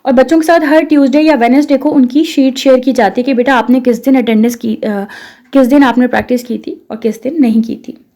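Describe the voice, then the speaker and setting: A woman's voice: high voice, fairly even intonation, fairly quick, warm tone. A woman with a Pakistani accent, an English course instructor explaining how her course works, posing rhetorical questions and slipping English phrases into her talk.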